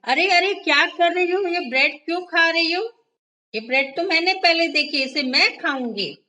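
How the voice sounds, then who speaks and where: A woman voicing a possessive, squabbling young female cat in a children's story, with shrill, insistent whining. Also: expressive, a little slow, bright, forceful tone, exaggerated voice. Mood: insistent, complaining.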